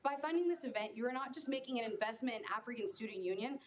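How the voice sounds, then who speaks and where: A young adult woman, speaking for a student funding bill, gives a formal, rehearsed persuasive speech in a student senate meeting room. Her voice is on the high side with lively intonation, she talks fast with a polished cadence, and crowd noise is audible.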